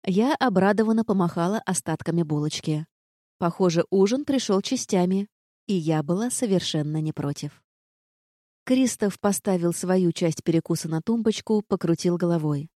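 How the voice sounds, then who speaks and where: A woman narrates a fantasy audiobook in the first person. She tells it calmly and evenly in a low, mellow voice. The recording is close and dry, with no room sound. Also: normal speed, no room sound.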